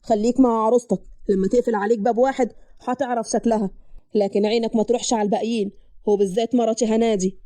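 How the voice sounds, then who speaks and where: A woman's voice: a little high, steady tone, very fast, warm tone, no echo, close to an everyday voice. A woman voicing a stern, protective young husband who scolds in an Upper Egyptian accent. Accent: Upper Egyptian Arabic.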